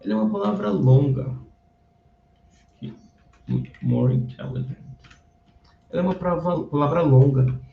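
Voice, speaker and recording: A man with a fairly high voice teaches English bilingually through Bible stories, speaking fast with hardly any pauses and patiently repeating words for practice. The distant recording is dull and roomy, with a little hiss or hum.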